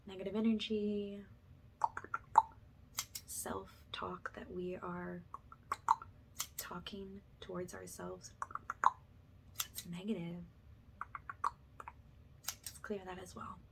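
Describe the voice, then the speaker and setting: In the manner of a guided ASMR energy-healing session, a woman with a gravelly mid-range voice speaks breathily and softly, frequently whispering. Her delivery is slow, gentle, reassuring and affirming, against heavy background noise.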